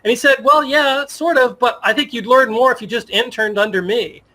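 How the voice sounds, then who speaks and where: Speaking at a normal speed in a very high-pitched, sharp voice, a man in his fifties from Virginia shares stories as an interview guest. He works in sports media and comes across as enthusiastic and nostalgic in the casual conversation.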